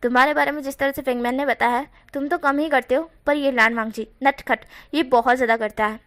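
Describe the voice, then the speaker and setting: Brief: woman voicing fond teasing uncle, high light voice. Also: fairly even intonation, fairly quick, fairly bright tone. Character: friendly middle-aged uncle, fond and joking.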